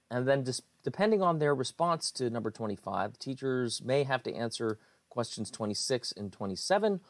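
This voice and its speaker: A man's voice: mid-range voice, no room sound. Man walking through a screencast, dry sound. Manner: plain explanatory, with fillers. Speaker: IT director presenting website updates. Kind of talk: screencast walkthrough.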